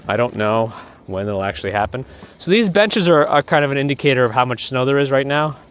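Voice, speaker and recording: A man's voice: mid-range voice, lively intonation, fairly quick, a little hiss or hum. A man rambling through a live stream while walking outdoors in a blizzard, talking into a handheld phone and thanking viewers by name. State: losing his voice. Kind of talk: casual live-stream chatter. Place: snowy city streets outdoors in a blizzard.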